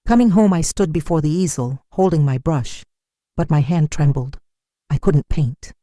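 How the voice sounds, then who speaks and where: Older woman narrator, mellow and dry, lively pitch, sombre scripted storytelling. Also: no room sound. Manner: sombre, measured, wounded. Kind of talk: scripted first-person narration.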